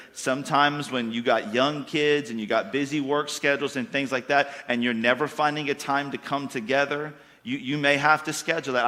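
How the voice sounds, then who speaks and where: A man preaching a sermon to a congregation, folksy and emphatic, building to louder bursts. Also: mid-range voice, in a large hall. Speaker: pastor. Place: church hall with congregation.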